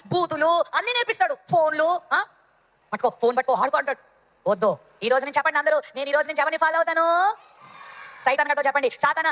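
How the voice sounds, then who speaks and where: A woman's voice: high-pitched, fairly bright tone, big-room sound. A woman Sunday school teacher telling a dramatic Bible story to children, speaking to them directly.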